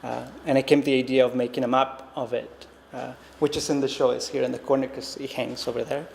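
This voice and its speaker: A native Spanish speaker from Costa Rica, in his thirties, gives an artist talk as a visiting artist at a quick pace with little pitch movement. His mid-range voice is gravelly and a little mellow, and his manner is reflective and hesitant, with ums and restarts. The reverberant gallery adds long hall reverb and faint noise.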